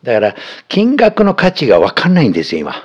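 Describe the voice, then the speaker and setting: A man in his sixties with a Kansai accent, a former shop owner telling stories in an animated podcast chat, often chuckling. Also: mid-range voice, fast, crowd noise. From Osaka, Japan. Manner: animated storytelling with frequent chuckles. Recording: slightly dull podcast audio.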